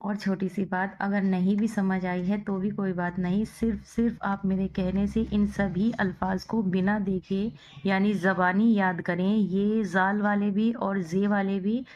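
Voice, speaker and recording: Slow, patient woman teaching Urdu spelling. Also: medium pitch, level tone, a little mellow, dull audio. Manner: spells words letter by letter, repeats each word.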